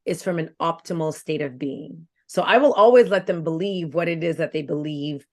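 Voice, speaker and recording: Woman, 40s, low voice, earnest and reflective, podcast guest. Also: moderate pace, a little mellow. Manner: reflective, earnest, repeats phrases for emphasis. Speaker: health coach guest. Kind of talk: podcast interview.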